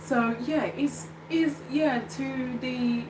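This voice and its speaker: A woman's voice: high-pitched, fairly even intonation, extremely slow, roomy sound, far from the mic, background noise. A woman in her thirties hosting a casual live chat, hesitant and full of fillers and restarts. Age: 30s. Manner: hesitant, many fillers and restarts, laughs often. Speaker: show host reading live comments.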